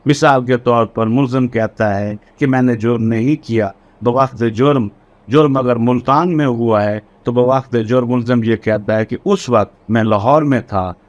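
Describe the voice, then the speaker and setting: A man with a Pakistani accent gives an explanatory law lecture mixing Urdu and English, teaching in a didactic way and repeating and rephrasing key points. His voice is medium-pitched at a normal speed, and the recording sounds lo-fi.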